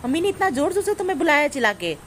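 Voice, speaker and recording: A woman's voice: fairly high pitch, expressive, fairly quick, a little hiss or hum, natural voice. A woman playing a spoiled, demanding grown daughter who whines and accuses in a family comedy skit. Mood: accusing. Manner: whiny, bossy, accusing.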